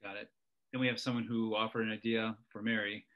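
A man's voice: fairly low pitch, level tone, a little fast, phone-quality sound. Man moderating and reading out questions. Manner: brief, reads questions out, then short acknowledgements. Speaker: webinar moderator. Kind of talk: reading audience questions aloud.

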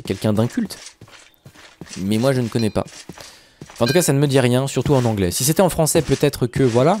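A young man chatting casually to viewers while playing a survival game, animated, with high exclamations and drawn-out words. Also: slight background noise. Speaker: gaming video host. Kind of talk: casual Minecraft let's play commentary.

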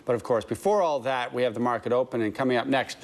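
Male business news anchor, steady live delivery. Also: medium pitch, quick pace.

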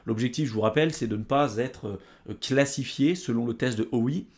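A man's voice: mid-range voice, a little fast, a little mellow. Hesitant French man explaining on screen. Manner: hesitant, many fillers and restarts, reads out on-screen text. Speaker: host. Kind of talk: screen-recorded tutorial commentary.

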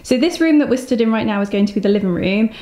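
A woman in her thirties with an English accent vlogs in a casual, chatty, gushing way, her voice a little high, expressive and mellow as she talks fast. The tour moves through a room at home, a car, and a brick barn and yard. The rooms sound echoey, and background noise is noticeable.

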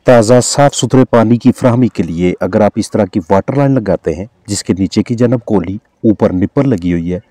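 A man's voice: lowish voice, dry recording. Man, Pakistani Urdu accent, veterinarian, formal instructive narration, dry close sound. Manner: formal, instructive, steady delivery. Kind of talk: scripted voice-over narration.

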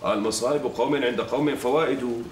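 An actor playing a greedy, self-assured Damascene man in a TV period drama, brisk and wheedling. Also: mid-range voice, slight background noise, natural voice. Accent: Damascene Arabic. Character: greedy, sly Damascene man after his in-laws' land.

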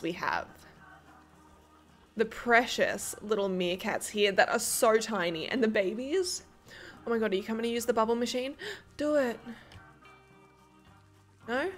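A young woman chats through a game as its host, excitable and quick to laugh. Her voice swoops up and down with lively pitch. Soft music plays faintly underneath. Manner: gushing, excitable, laughs often. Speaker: game streamer. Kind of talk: casual gameplay commentary.

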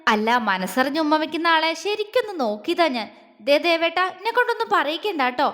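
A woman voicing a sweet, timid, childlike young woman in a storybook reading, with a soft, pleading way of talking. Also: very high voice, very animated, brisk, exaggerated voice. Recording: long echoey reverb.

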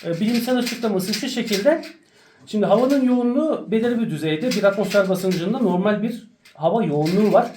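A woman's voice: mid-range voice, expressive, brisk, warm tone. A woman vlogger explaining an experiment casually to camera at home. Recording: roomy, distant mic, faint noise.

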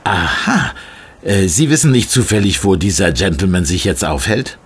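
An actor playing an official, self-satisfied Scotland Yard inspector in a radio play, questioning formally and briskly. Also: male voice, low voice, expressive, breathy edge, heavily acted. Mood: businesslike. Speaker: actor in an audio drama. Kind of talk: German radio play dialogue.

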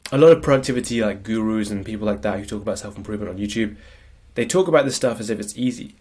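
Racing along in a fairly low, darkish, husky voice, a man with a cold sniffles through a productivity talk. This productivity coach's screen-share lecture is casual and conversational, with frequent checks of "right?"

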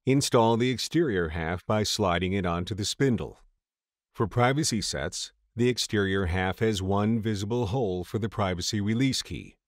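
A man reading a scripted voice-over for a step-by-step installation tutorial, in a steady, measured way. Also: on the low side, dry recording, clean studio sound. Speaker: tutorial narrator.

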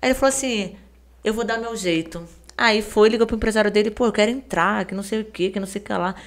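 Fast-talking woman telling an anecdote. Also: medium pitch. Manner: fast chatty anecdote-telling, acts out quoted dialogue; heavy slang and fillers. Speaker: podcast guest. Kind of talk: casual storytelling.

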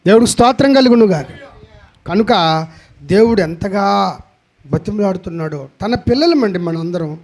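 High-voiced man preaching with fervor. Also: expressive, moderate pace, pauses often. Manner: impassioned, swinging from loud scolding to hushed pleading. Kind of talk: sermon.

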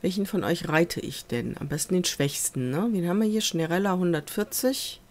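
A woman at her computer at home, talking through a survival game in relaxed, rambling commentary. She mutters to herself and coaxes the animals on screen, speaking into a USB desk microphone. A faint hum of noise sits behind her voice. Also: on the low side, moderate pace. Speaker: let's play gamer. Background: faint festival noise from outside.

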